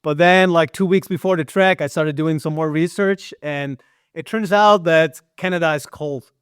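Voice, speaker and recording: A Dutch man, whose accent carries some American influence, appears as a guest filmmaker and hiker in a casual interview, telling stories with many fillers and repeated words. His fairly high voice is smooth and at normal speed, in studio-quality audio with no room sound.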